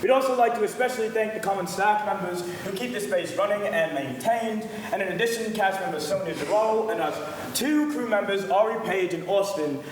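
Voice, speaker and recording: A man playing a polite, hesitant pre-show announcer at a live theatre, reading from notes. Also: high voice. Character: polite, unsure amateur announcer, oblivious star of the show. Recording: echoey hall, faint background noise.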